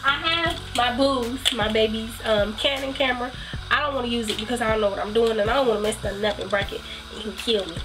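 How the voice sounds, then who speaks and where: A woman with a stuffed-up nose chats her way through a tutorial at home in a slightly high voice. She rambles easily and fills her pauses with ums. Music plays clearly in the background while she talks to the camera. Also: low-quality recording. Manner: chatty, rambling, many ums. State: stuffy from a cold. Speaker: hair vlogger. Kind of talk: casual tutorial chat.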